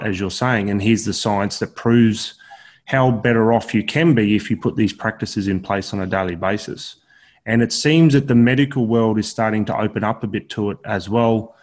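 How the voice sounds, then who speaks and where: A man hosting a conversational podcast interview, speaking earnestly in wordy, hesitant phrasing. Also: on the low side. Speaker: podcast host interviewing a guest.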